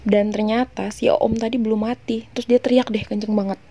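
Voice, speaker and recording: A woman's voice: fairly high pitch, flat delivery, brisk, very noisy. A woman narrating a film recap in a casual, chatty way, slipping in slangy joking asides.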